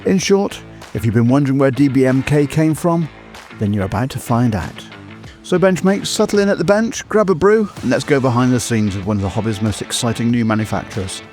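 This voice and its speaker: A man's voice: mid-range voice, animated, brisk, a little mellow. Male host, enthusiastic, faint music bed. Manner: chatty and enthusiastic. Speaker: podcast host. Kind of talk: upbeat podcast hosting.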